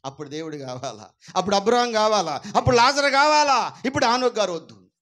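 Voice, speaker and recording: A high-pitched male pastor delivers an emphatic sermon at a church prayer meeting. He swings from ringing cries to low, intense asides. His voice comes through a microphone and sound system. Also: animated, quick pace, fairly bright tone.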